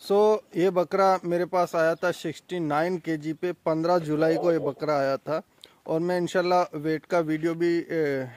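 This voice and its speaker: A young man with a somewhat high voice gives a chatty, boastful sales talk from an outdoor goat pen. He films himself on a handheld phone, and his voice comes across dry, with almost no room sound. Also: fairly even intonation, a little slow, darkish tone, dry recording. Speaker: goat farm owner and vlogger. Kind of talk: casual promotional farm vlog.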